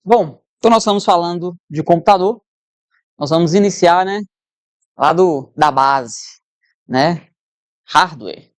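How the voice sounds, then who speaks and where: Lady teacher walking through an exam-prep lesson, kinda low voice, super chatty, keeps asking "right?", dry close sound. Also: measured pace, pauses often, no room sound. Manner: conversational, checks in often with "né?" and "tá?".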